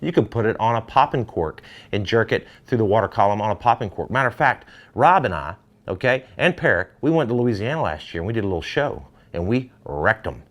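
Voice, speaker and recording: A middle-aged man, hosting a fishing gear demo in an energetic, salesy way. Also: fairly low pitch, fairly quick. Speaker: fishing show host. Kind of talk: product demo talk.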